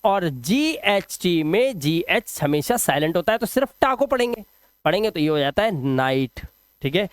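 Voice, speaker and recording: High-voiced man teaching phonics. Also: sing-song, smooth, dry recording. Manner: patient, repeats example words slowly, quizzes the viewer. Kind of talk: explaining phonics rules in a video lesson.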